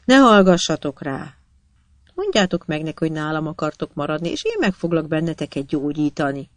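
An earnest young woman doctor, put on by a storyteller, pleads with her patients. Her voice sits in a middling range and sounds dry and close. She talks with steady, insistent devotion. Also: medium pitch, no room sound, close to an everyday voice. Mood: pleading. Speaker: hospital doctor.

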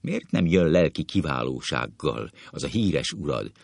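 A man's voice: rumbling low, animated, creaky, a little mellow, no room sound, studio quality, exaggerated voice. A man voicing a vain, cowardly male writer who rants indignantly about spiritual superiority and later titters nervously, in a comic play reading.

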